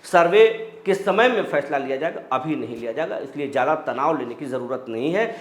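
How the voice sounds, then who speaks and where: Man with a higher voice, echoey room. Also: lively intonation. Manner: explanatory, reassuring, reads comments aloud with pauses. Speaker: news channel host. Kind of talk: news commentary reading viewer comments. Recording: roomy echo.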